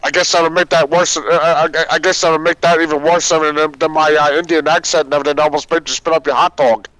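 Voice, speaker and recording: A man's voice: fairly high pitch, flat delivery, quick pace, fairly bright tone, no echo, low-quality recording. A man guesting on a gaming stream, telling stories in casual chat, rambling with many fillers and frequent laughs.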